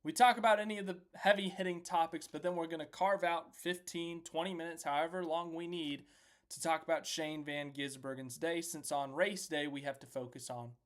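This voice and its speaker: A man hosting a casual racing recap live stream, chatty and self-deprecating, reacting out loud as he works through standings on screen. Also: fairly high pitch, fairly even intonation, fairly quick. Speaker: host of a racing recap livestream.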